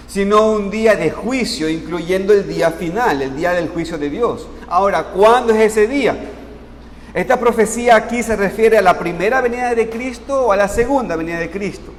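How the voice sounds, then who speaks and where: A man with a high voice preaching a sermon in a church sanctuary, heard with a long reverb and a faint hiss. He asks the congregation questions and answers them himself, slowing down to stress the key words. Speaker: pastor.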